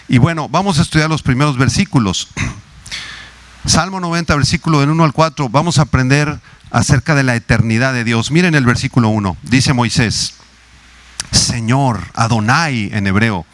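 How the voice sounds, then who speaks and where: A male pastor preaching a sermon in a teaching manner, slowing to spell out words and rising in pitch on key phrases. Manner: teaching, spells out Hebrew words slowly, rises in pitch on emphasis.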